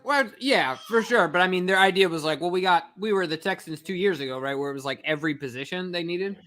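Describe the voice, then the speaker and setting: Male sports co-host, high bright voice, energetic questioner, casual banter. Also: quick pace. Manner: excitable, questioning, playful. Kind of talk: casual draft-night chat.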